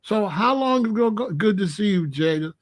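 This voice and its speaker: A man's voice: sits high, lively intonation, brisk. A middle-aged or older American man chatting casually to his online viewers, colloquial and emphatic, repeating phrases for stress. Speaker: online video host. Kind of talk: casual livestream chat warning viewers about weather.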